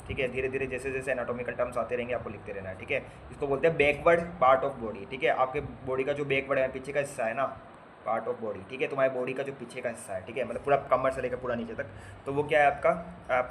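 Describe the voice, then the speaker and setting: Guy teaching nursing students medical terms, mid pitch, keeps quizzing and teasing them. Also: steady tone, quick pace, fairly bright tone, slight background noise. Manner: repeats terms and spells them out, asks students quiz questions; casual, teasing asides to students. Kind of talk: classroom lecture.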